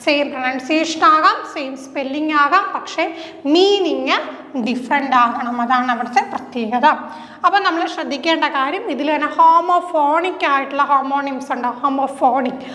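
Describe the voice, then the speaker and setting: High-voiced Malayali woman teaching. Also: moderate pace, sharp tone. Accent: Malayali English. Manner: asks questions and answers them herself. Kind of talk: exam-prep lesson. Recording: echoey room with long reverb.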